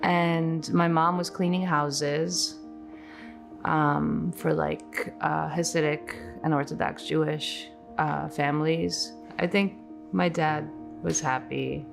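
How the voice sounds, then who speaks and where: A low-pitched woman in her forties, from Poland, speaks slowly and reflectively. Her voice has a gravelly edge. Soft music plays faintly underneath. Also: fairly even intonation. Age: 40s. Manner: casual, reflective, many fillers like "like". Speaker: interviewee. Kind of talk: documentary interview, personal recollection.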